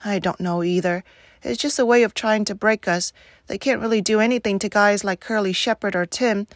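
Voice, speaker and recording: A woman reading aloud and voicing a quiet, resigned teenage boy from a novel, speaking low and subdued. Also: steady tone, brisk, no room sound, studio quality, natural voice.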